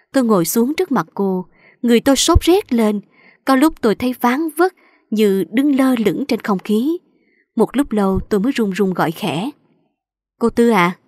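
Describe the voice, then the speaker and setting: A woman narrating a short story in a measured, scripted reading as channel host. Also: medium pitch, darkish tone, dry recording, studio quality.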